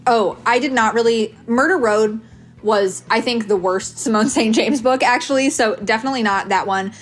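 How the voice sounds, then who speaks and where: A woman giving casual, opinionated vlog commentary on books in an animated, emphatic way, with music behind her. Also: a little high, moderate pace. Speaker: book reviewer with a video channel.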